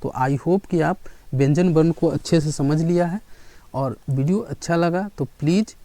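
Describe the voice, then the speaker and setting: A male teacher giving a grammar lesson in a classroom style, often pausing to check in and asking questions that he then answers himself. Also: fairly high pitch, dark tone, no echo. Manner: checks in with students again and again, asks and answers his own questions.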